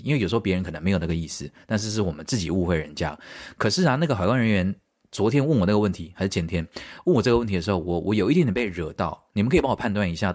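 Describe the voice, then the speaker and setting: A deep-voiced man tells stories on his solo podcast at a brisk clip. He vents with animated energy, slipping in bits of English and German. He mimics the people in his anecdotes as he goes. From Taiwan. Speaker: podcast host. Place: living in a small German university town.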